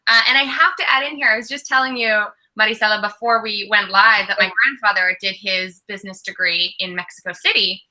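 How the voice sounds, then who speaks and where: A woman's voice: mid-range voice, fairly even intonation, brisk, hardly any pauses, sharp tone, rough recording. A woman hosting a live interview show, upbeat and enthusiastic as she welcomes and questions her guest. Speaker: host.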